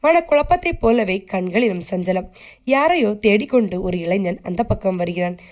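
With a mid-range voice and moderate pace, a woman narrates a short story in a steady, scripted way. She keeps each character's voice near her own.

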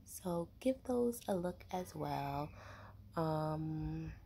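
A young woman rambling in a soft, half-whispered ASMR voice while chewing gum, with lots of fillers, close to the mic. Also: sits low, lively intonation, very slow, slight background noise. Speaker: ASMR creator.

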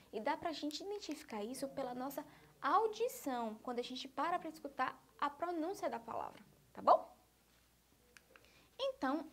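Lively high-voiced Brazilian woman teacher. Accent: Brazilian Portuguese. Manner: warm, sing-song teacher talk, checking in with "tá bom?". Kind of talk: online lesson for young children.

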